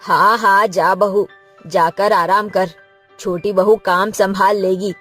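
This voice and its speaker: A woman's voice: mid-range voice, steady tone, slow, a bit bright, faint music behind. A woman voicing an elderly mother-in-law in a cartoon story, fussing and scolding yet indulgent toward her favored daughter-in-law. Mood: fussy. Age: older. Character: elderly mother-in-law, doting and easily fooled. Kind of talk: cartoon voice acting.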